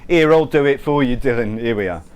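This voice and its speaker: A man's voice: mid-range voice, lively intonation, a little fast, a little mellow. An American man hosting a casual cooking livestream, chatty and joking as he answers viewers while he works in his kitchen. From United States. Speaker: cooking show host.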